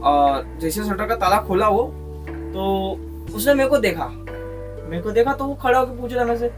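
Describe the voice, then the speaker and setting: A young man with a Mumbai Hindi accent telling a horror story on a podcast in a casual, slangy, animated way, full of crude humor. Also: high voice, normal speed. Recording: distant mic with music behind.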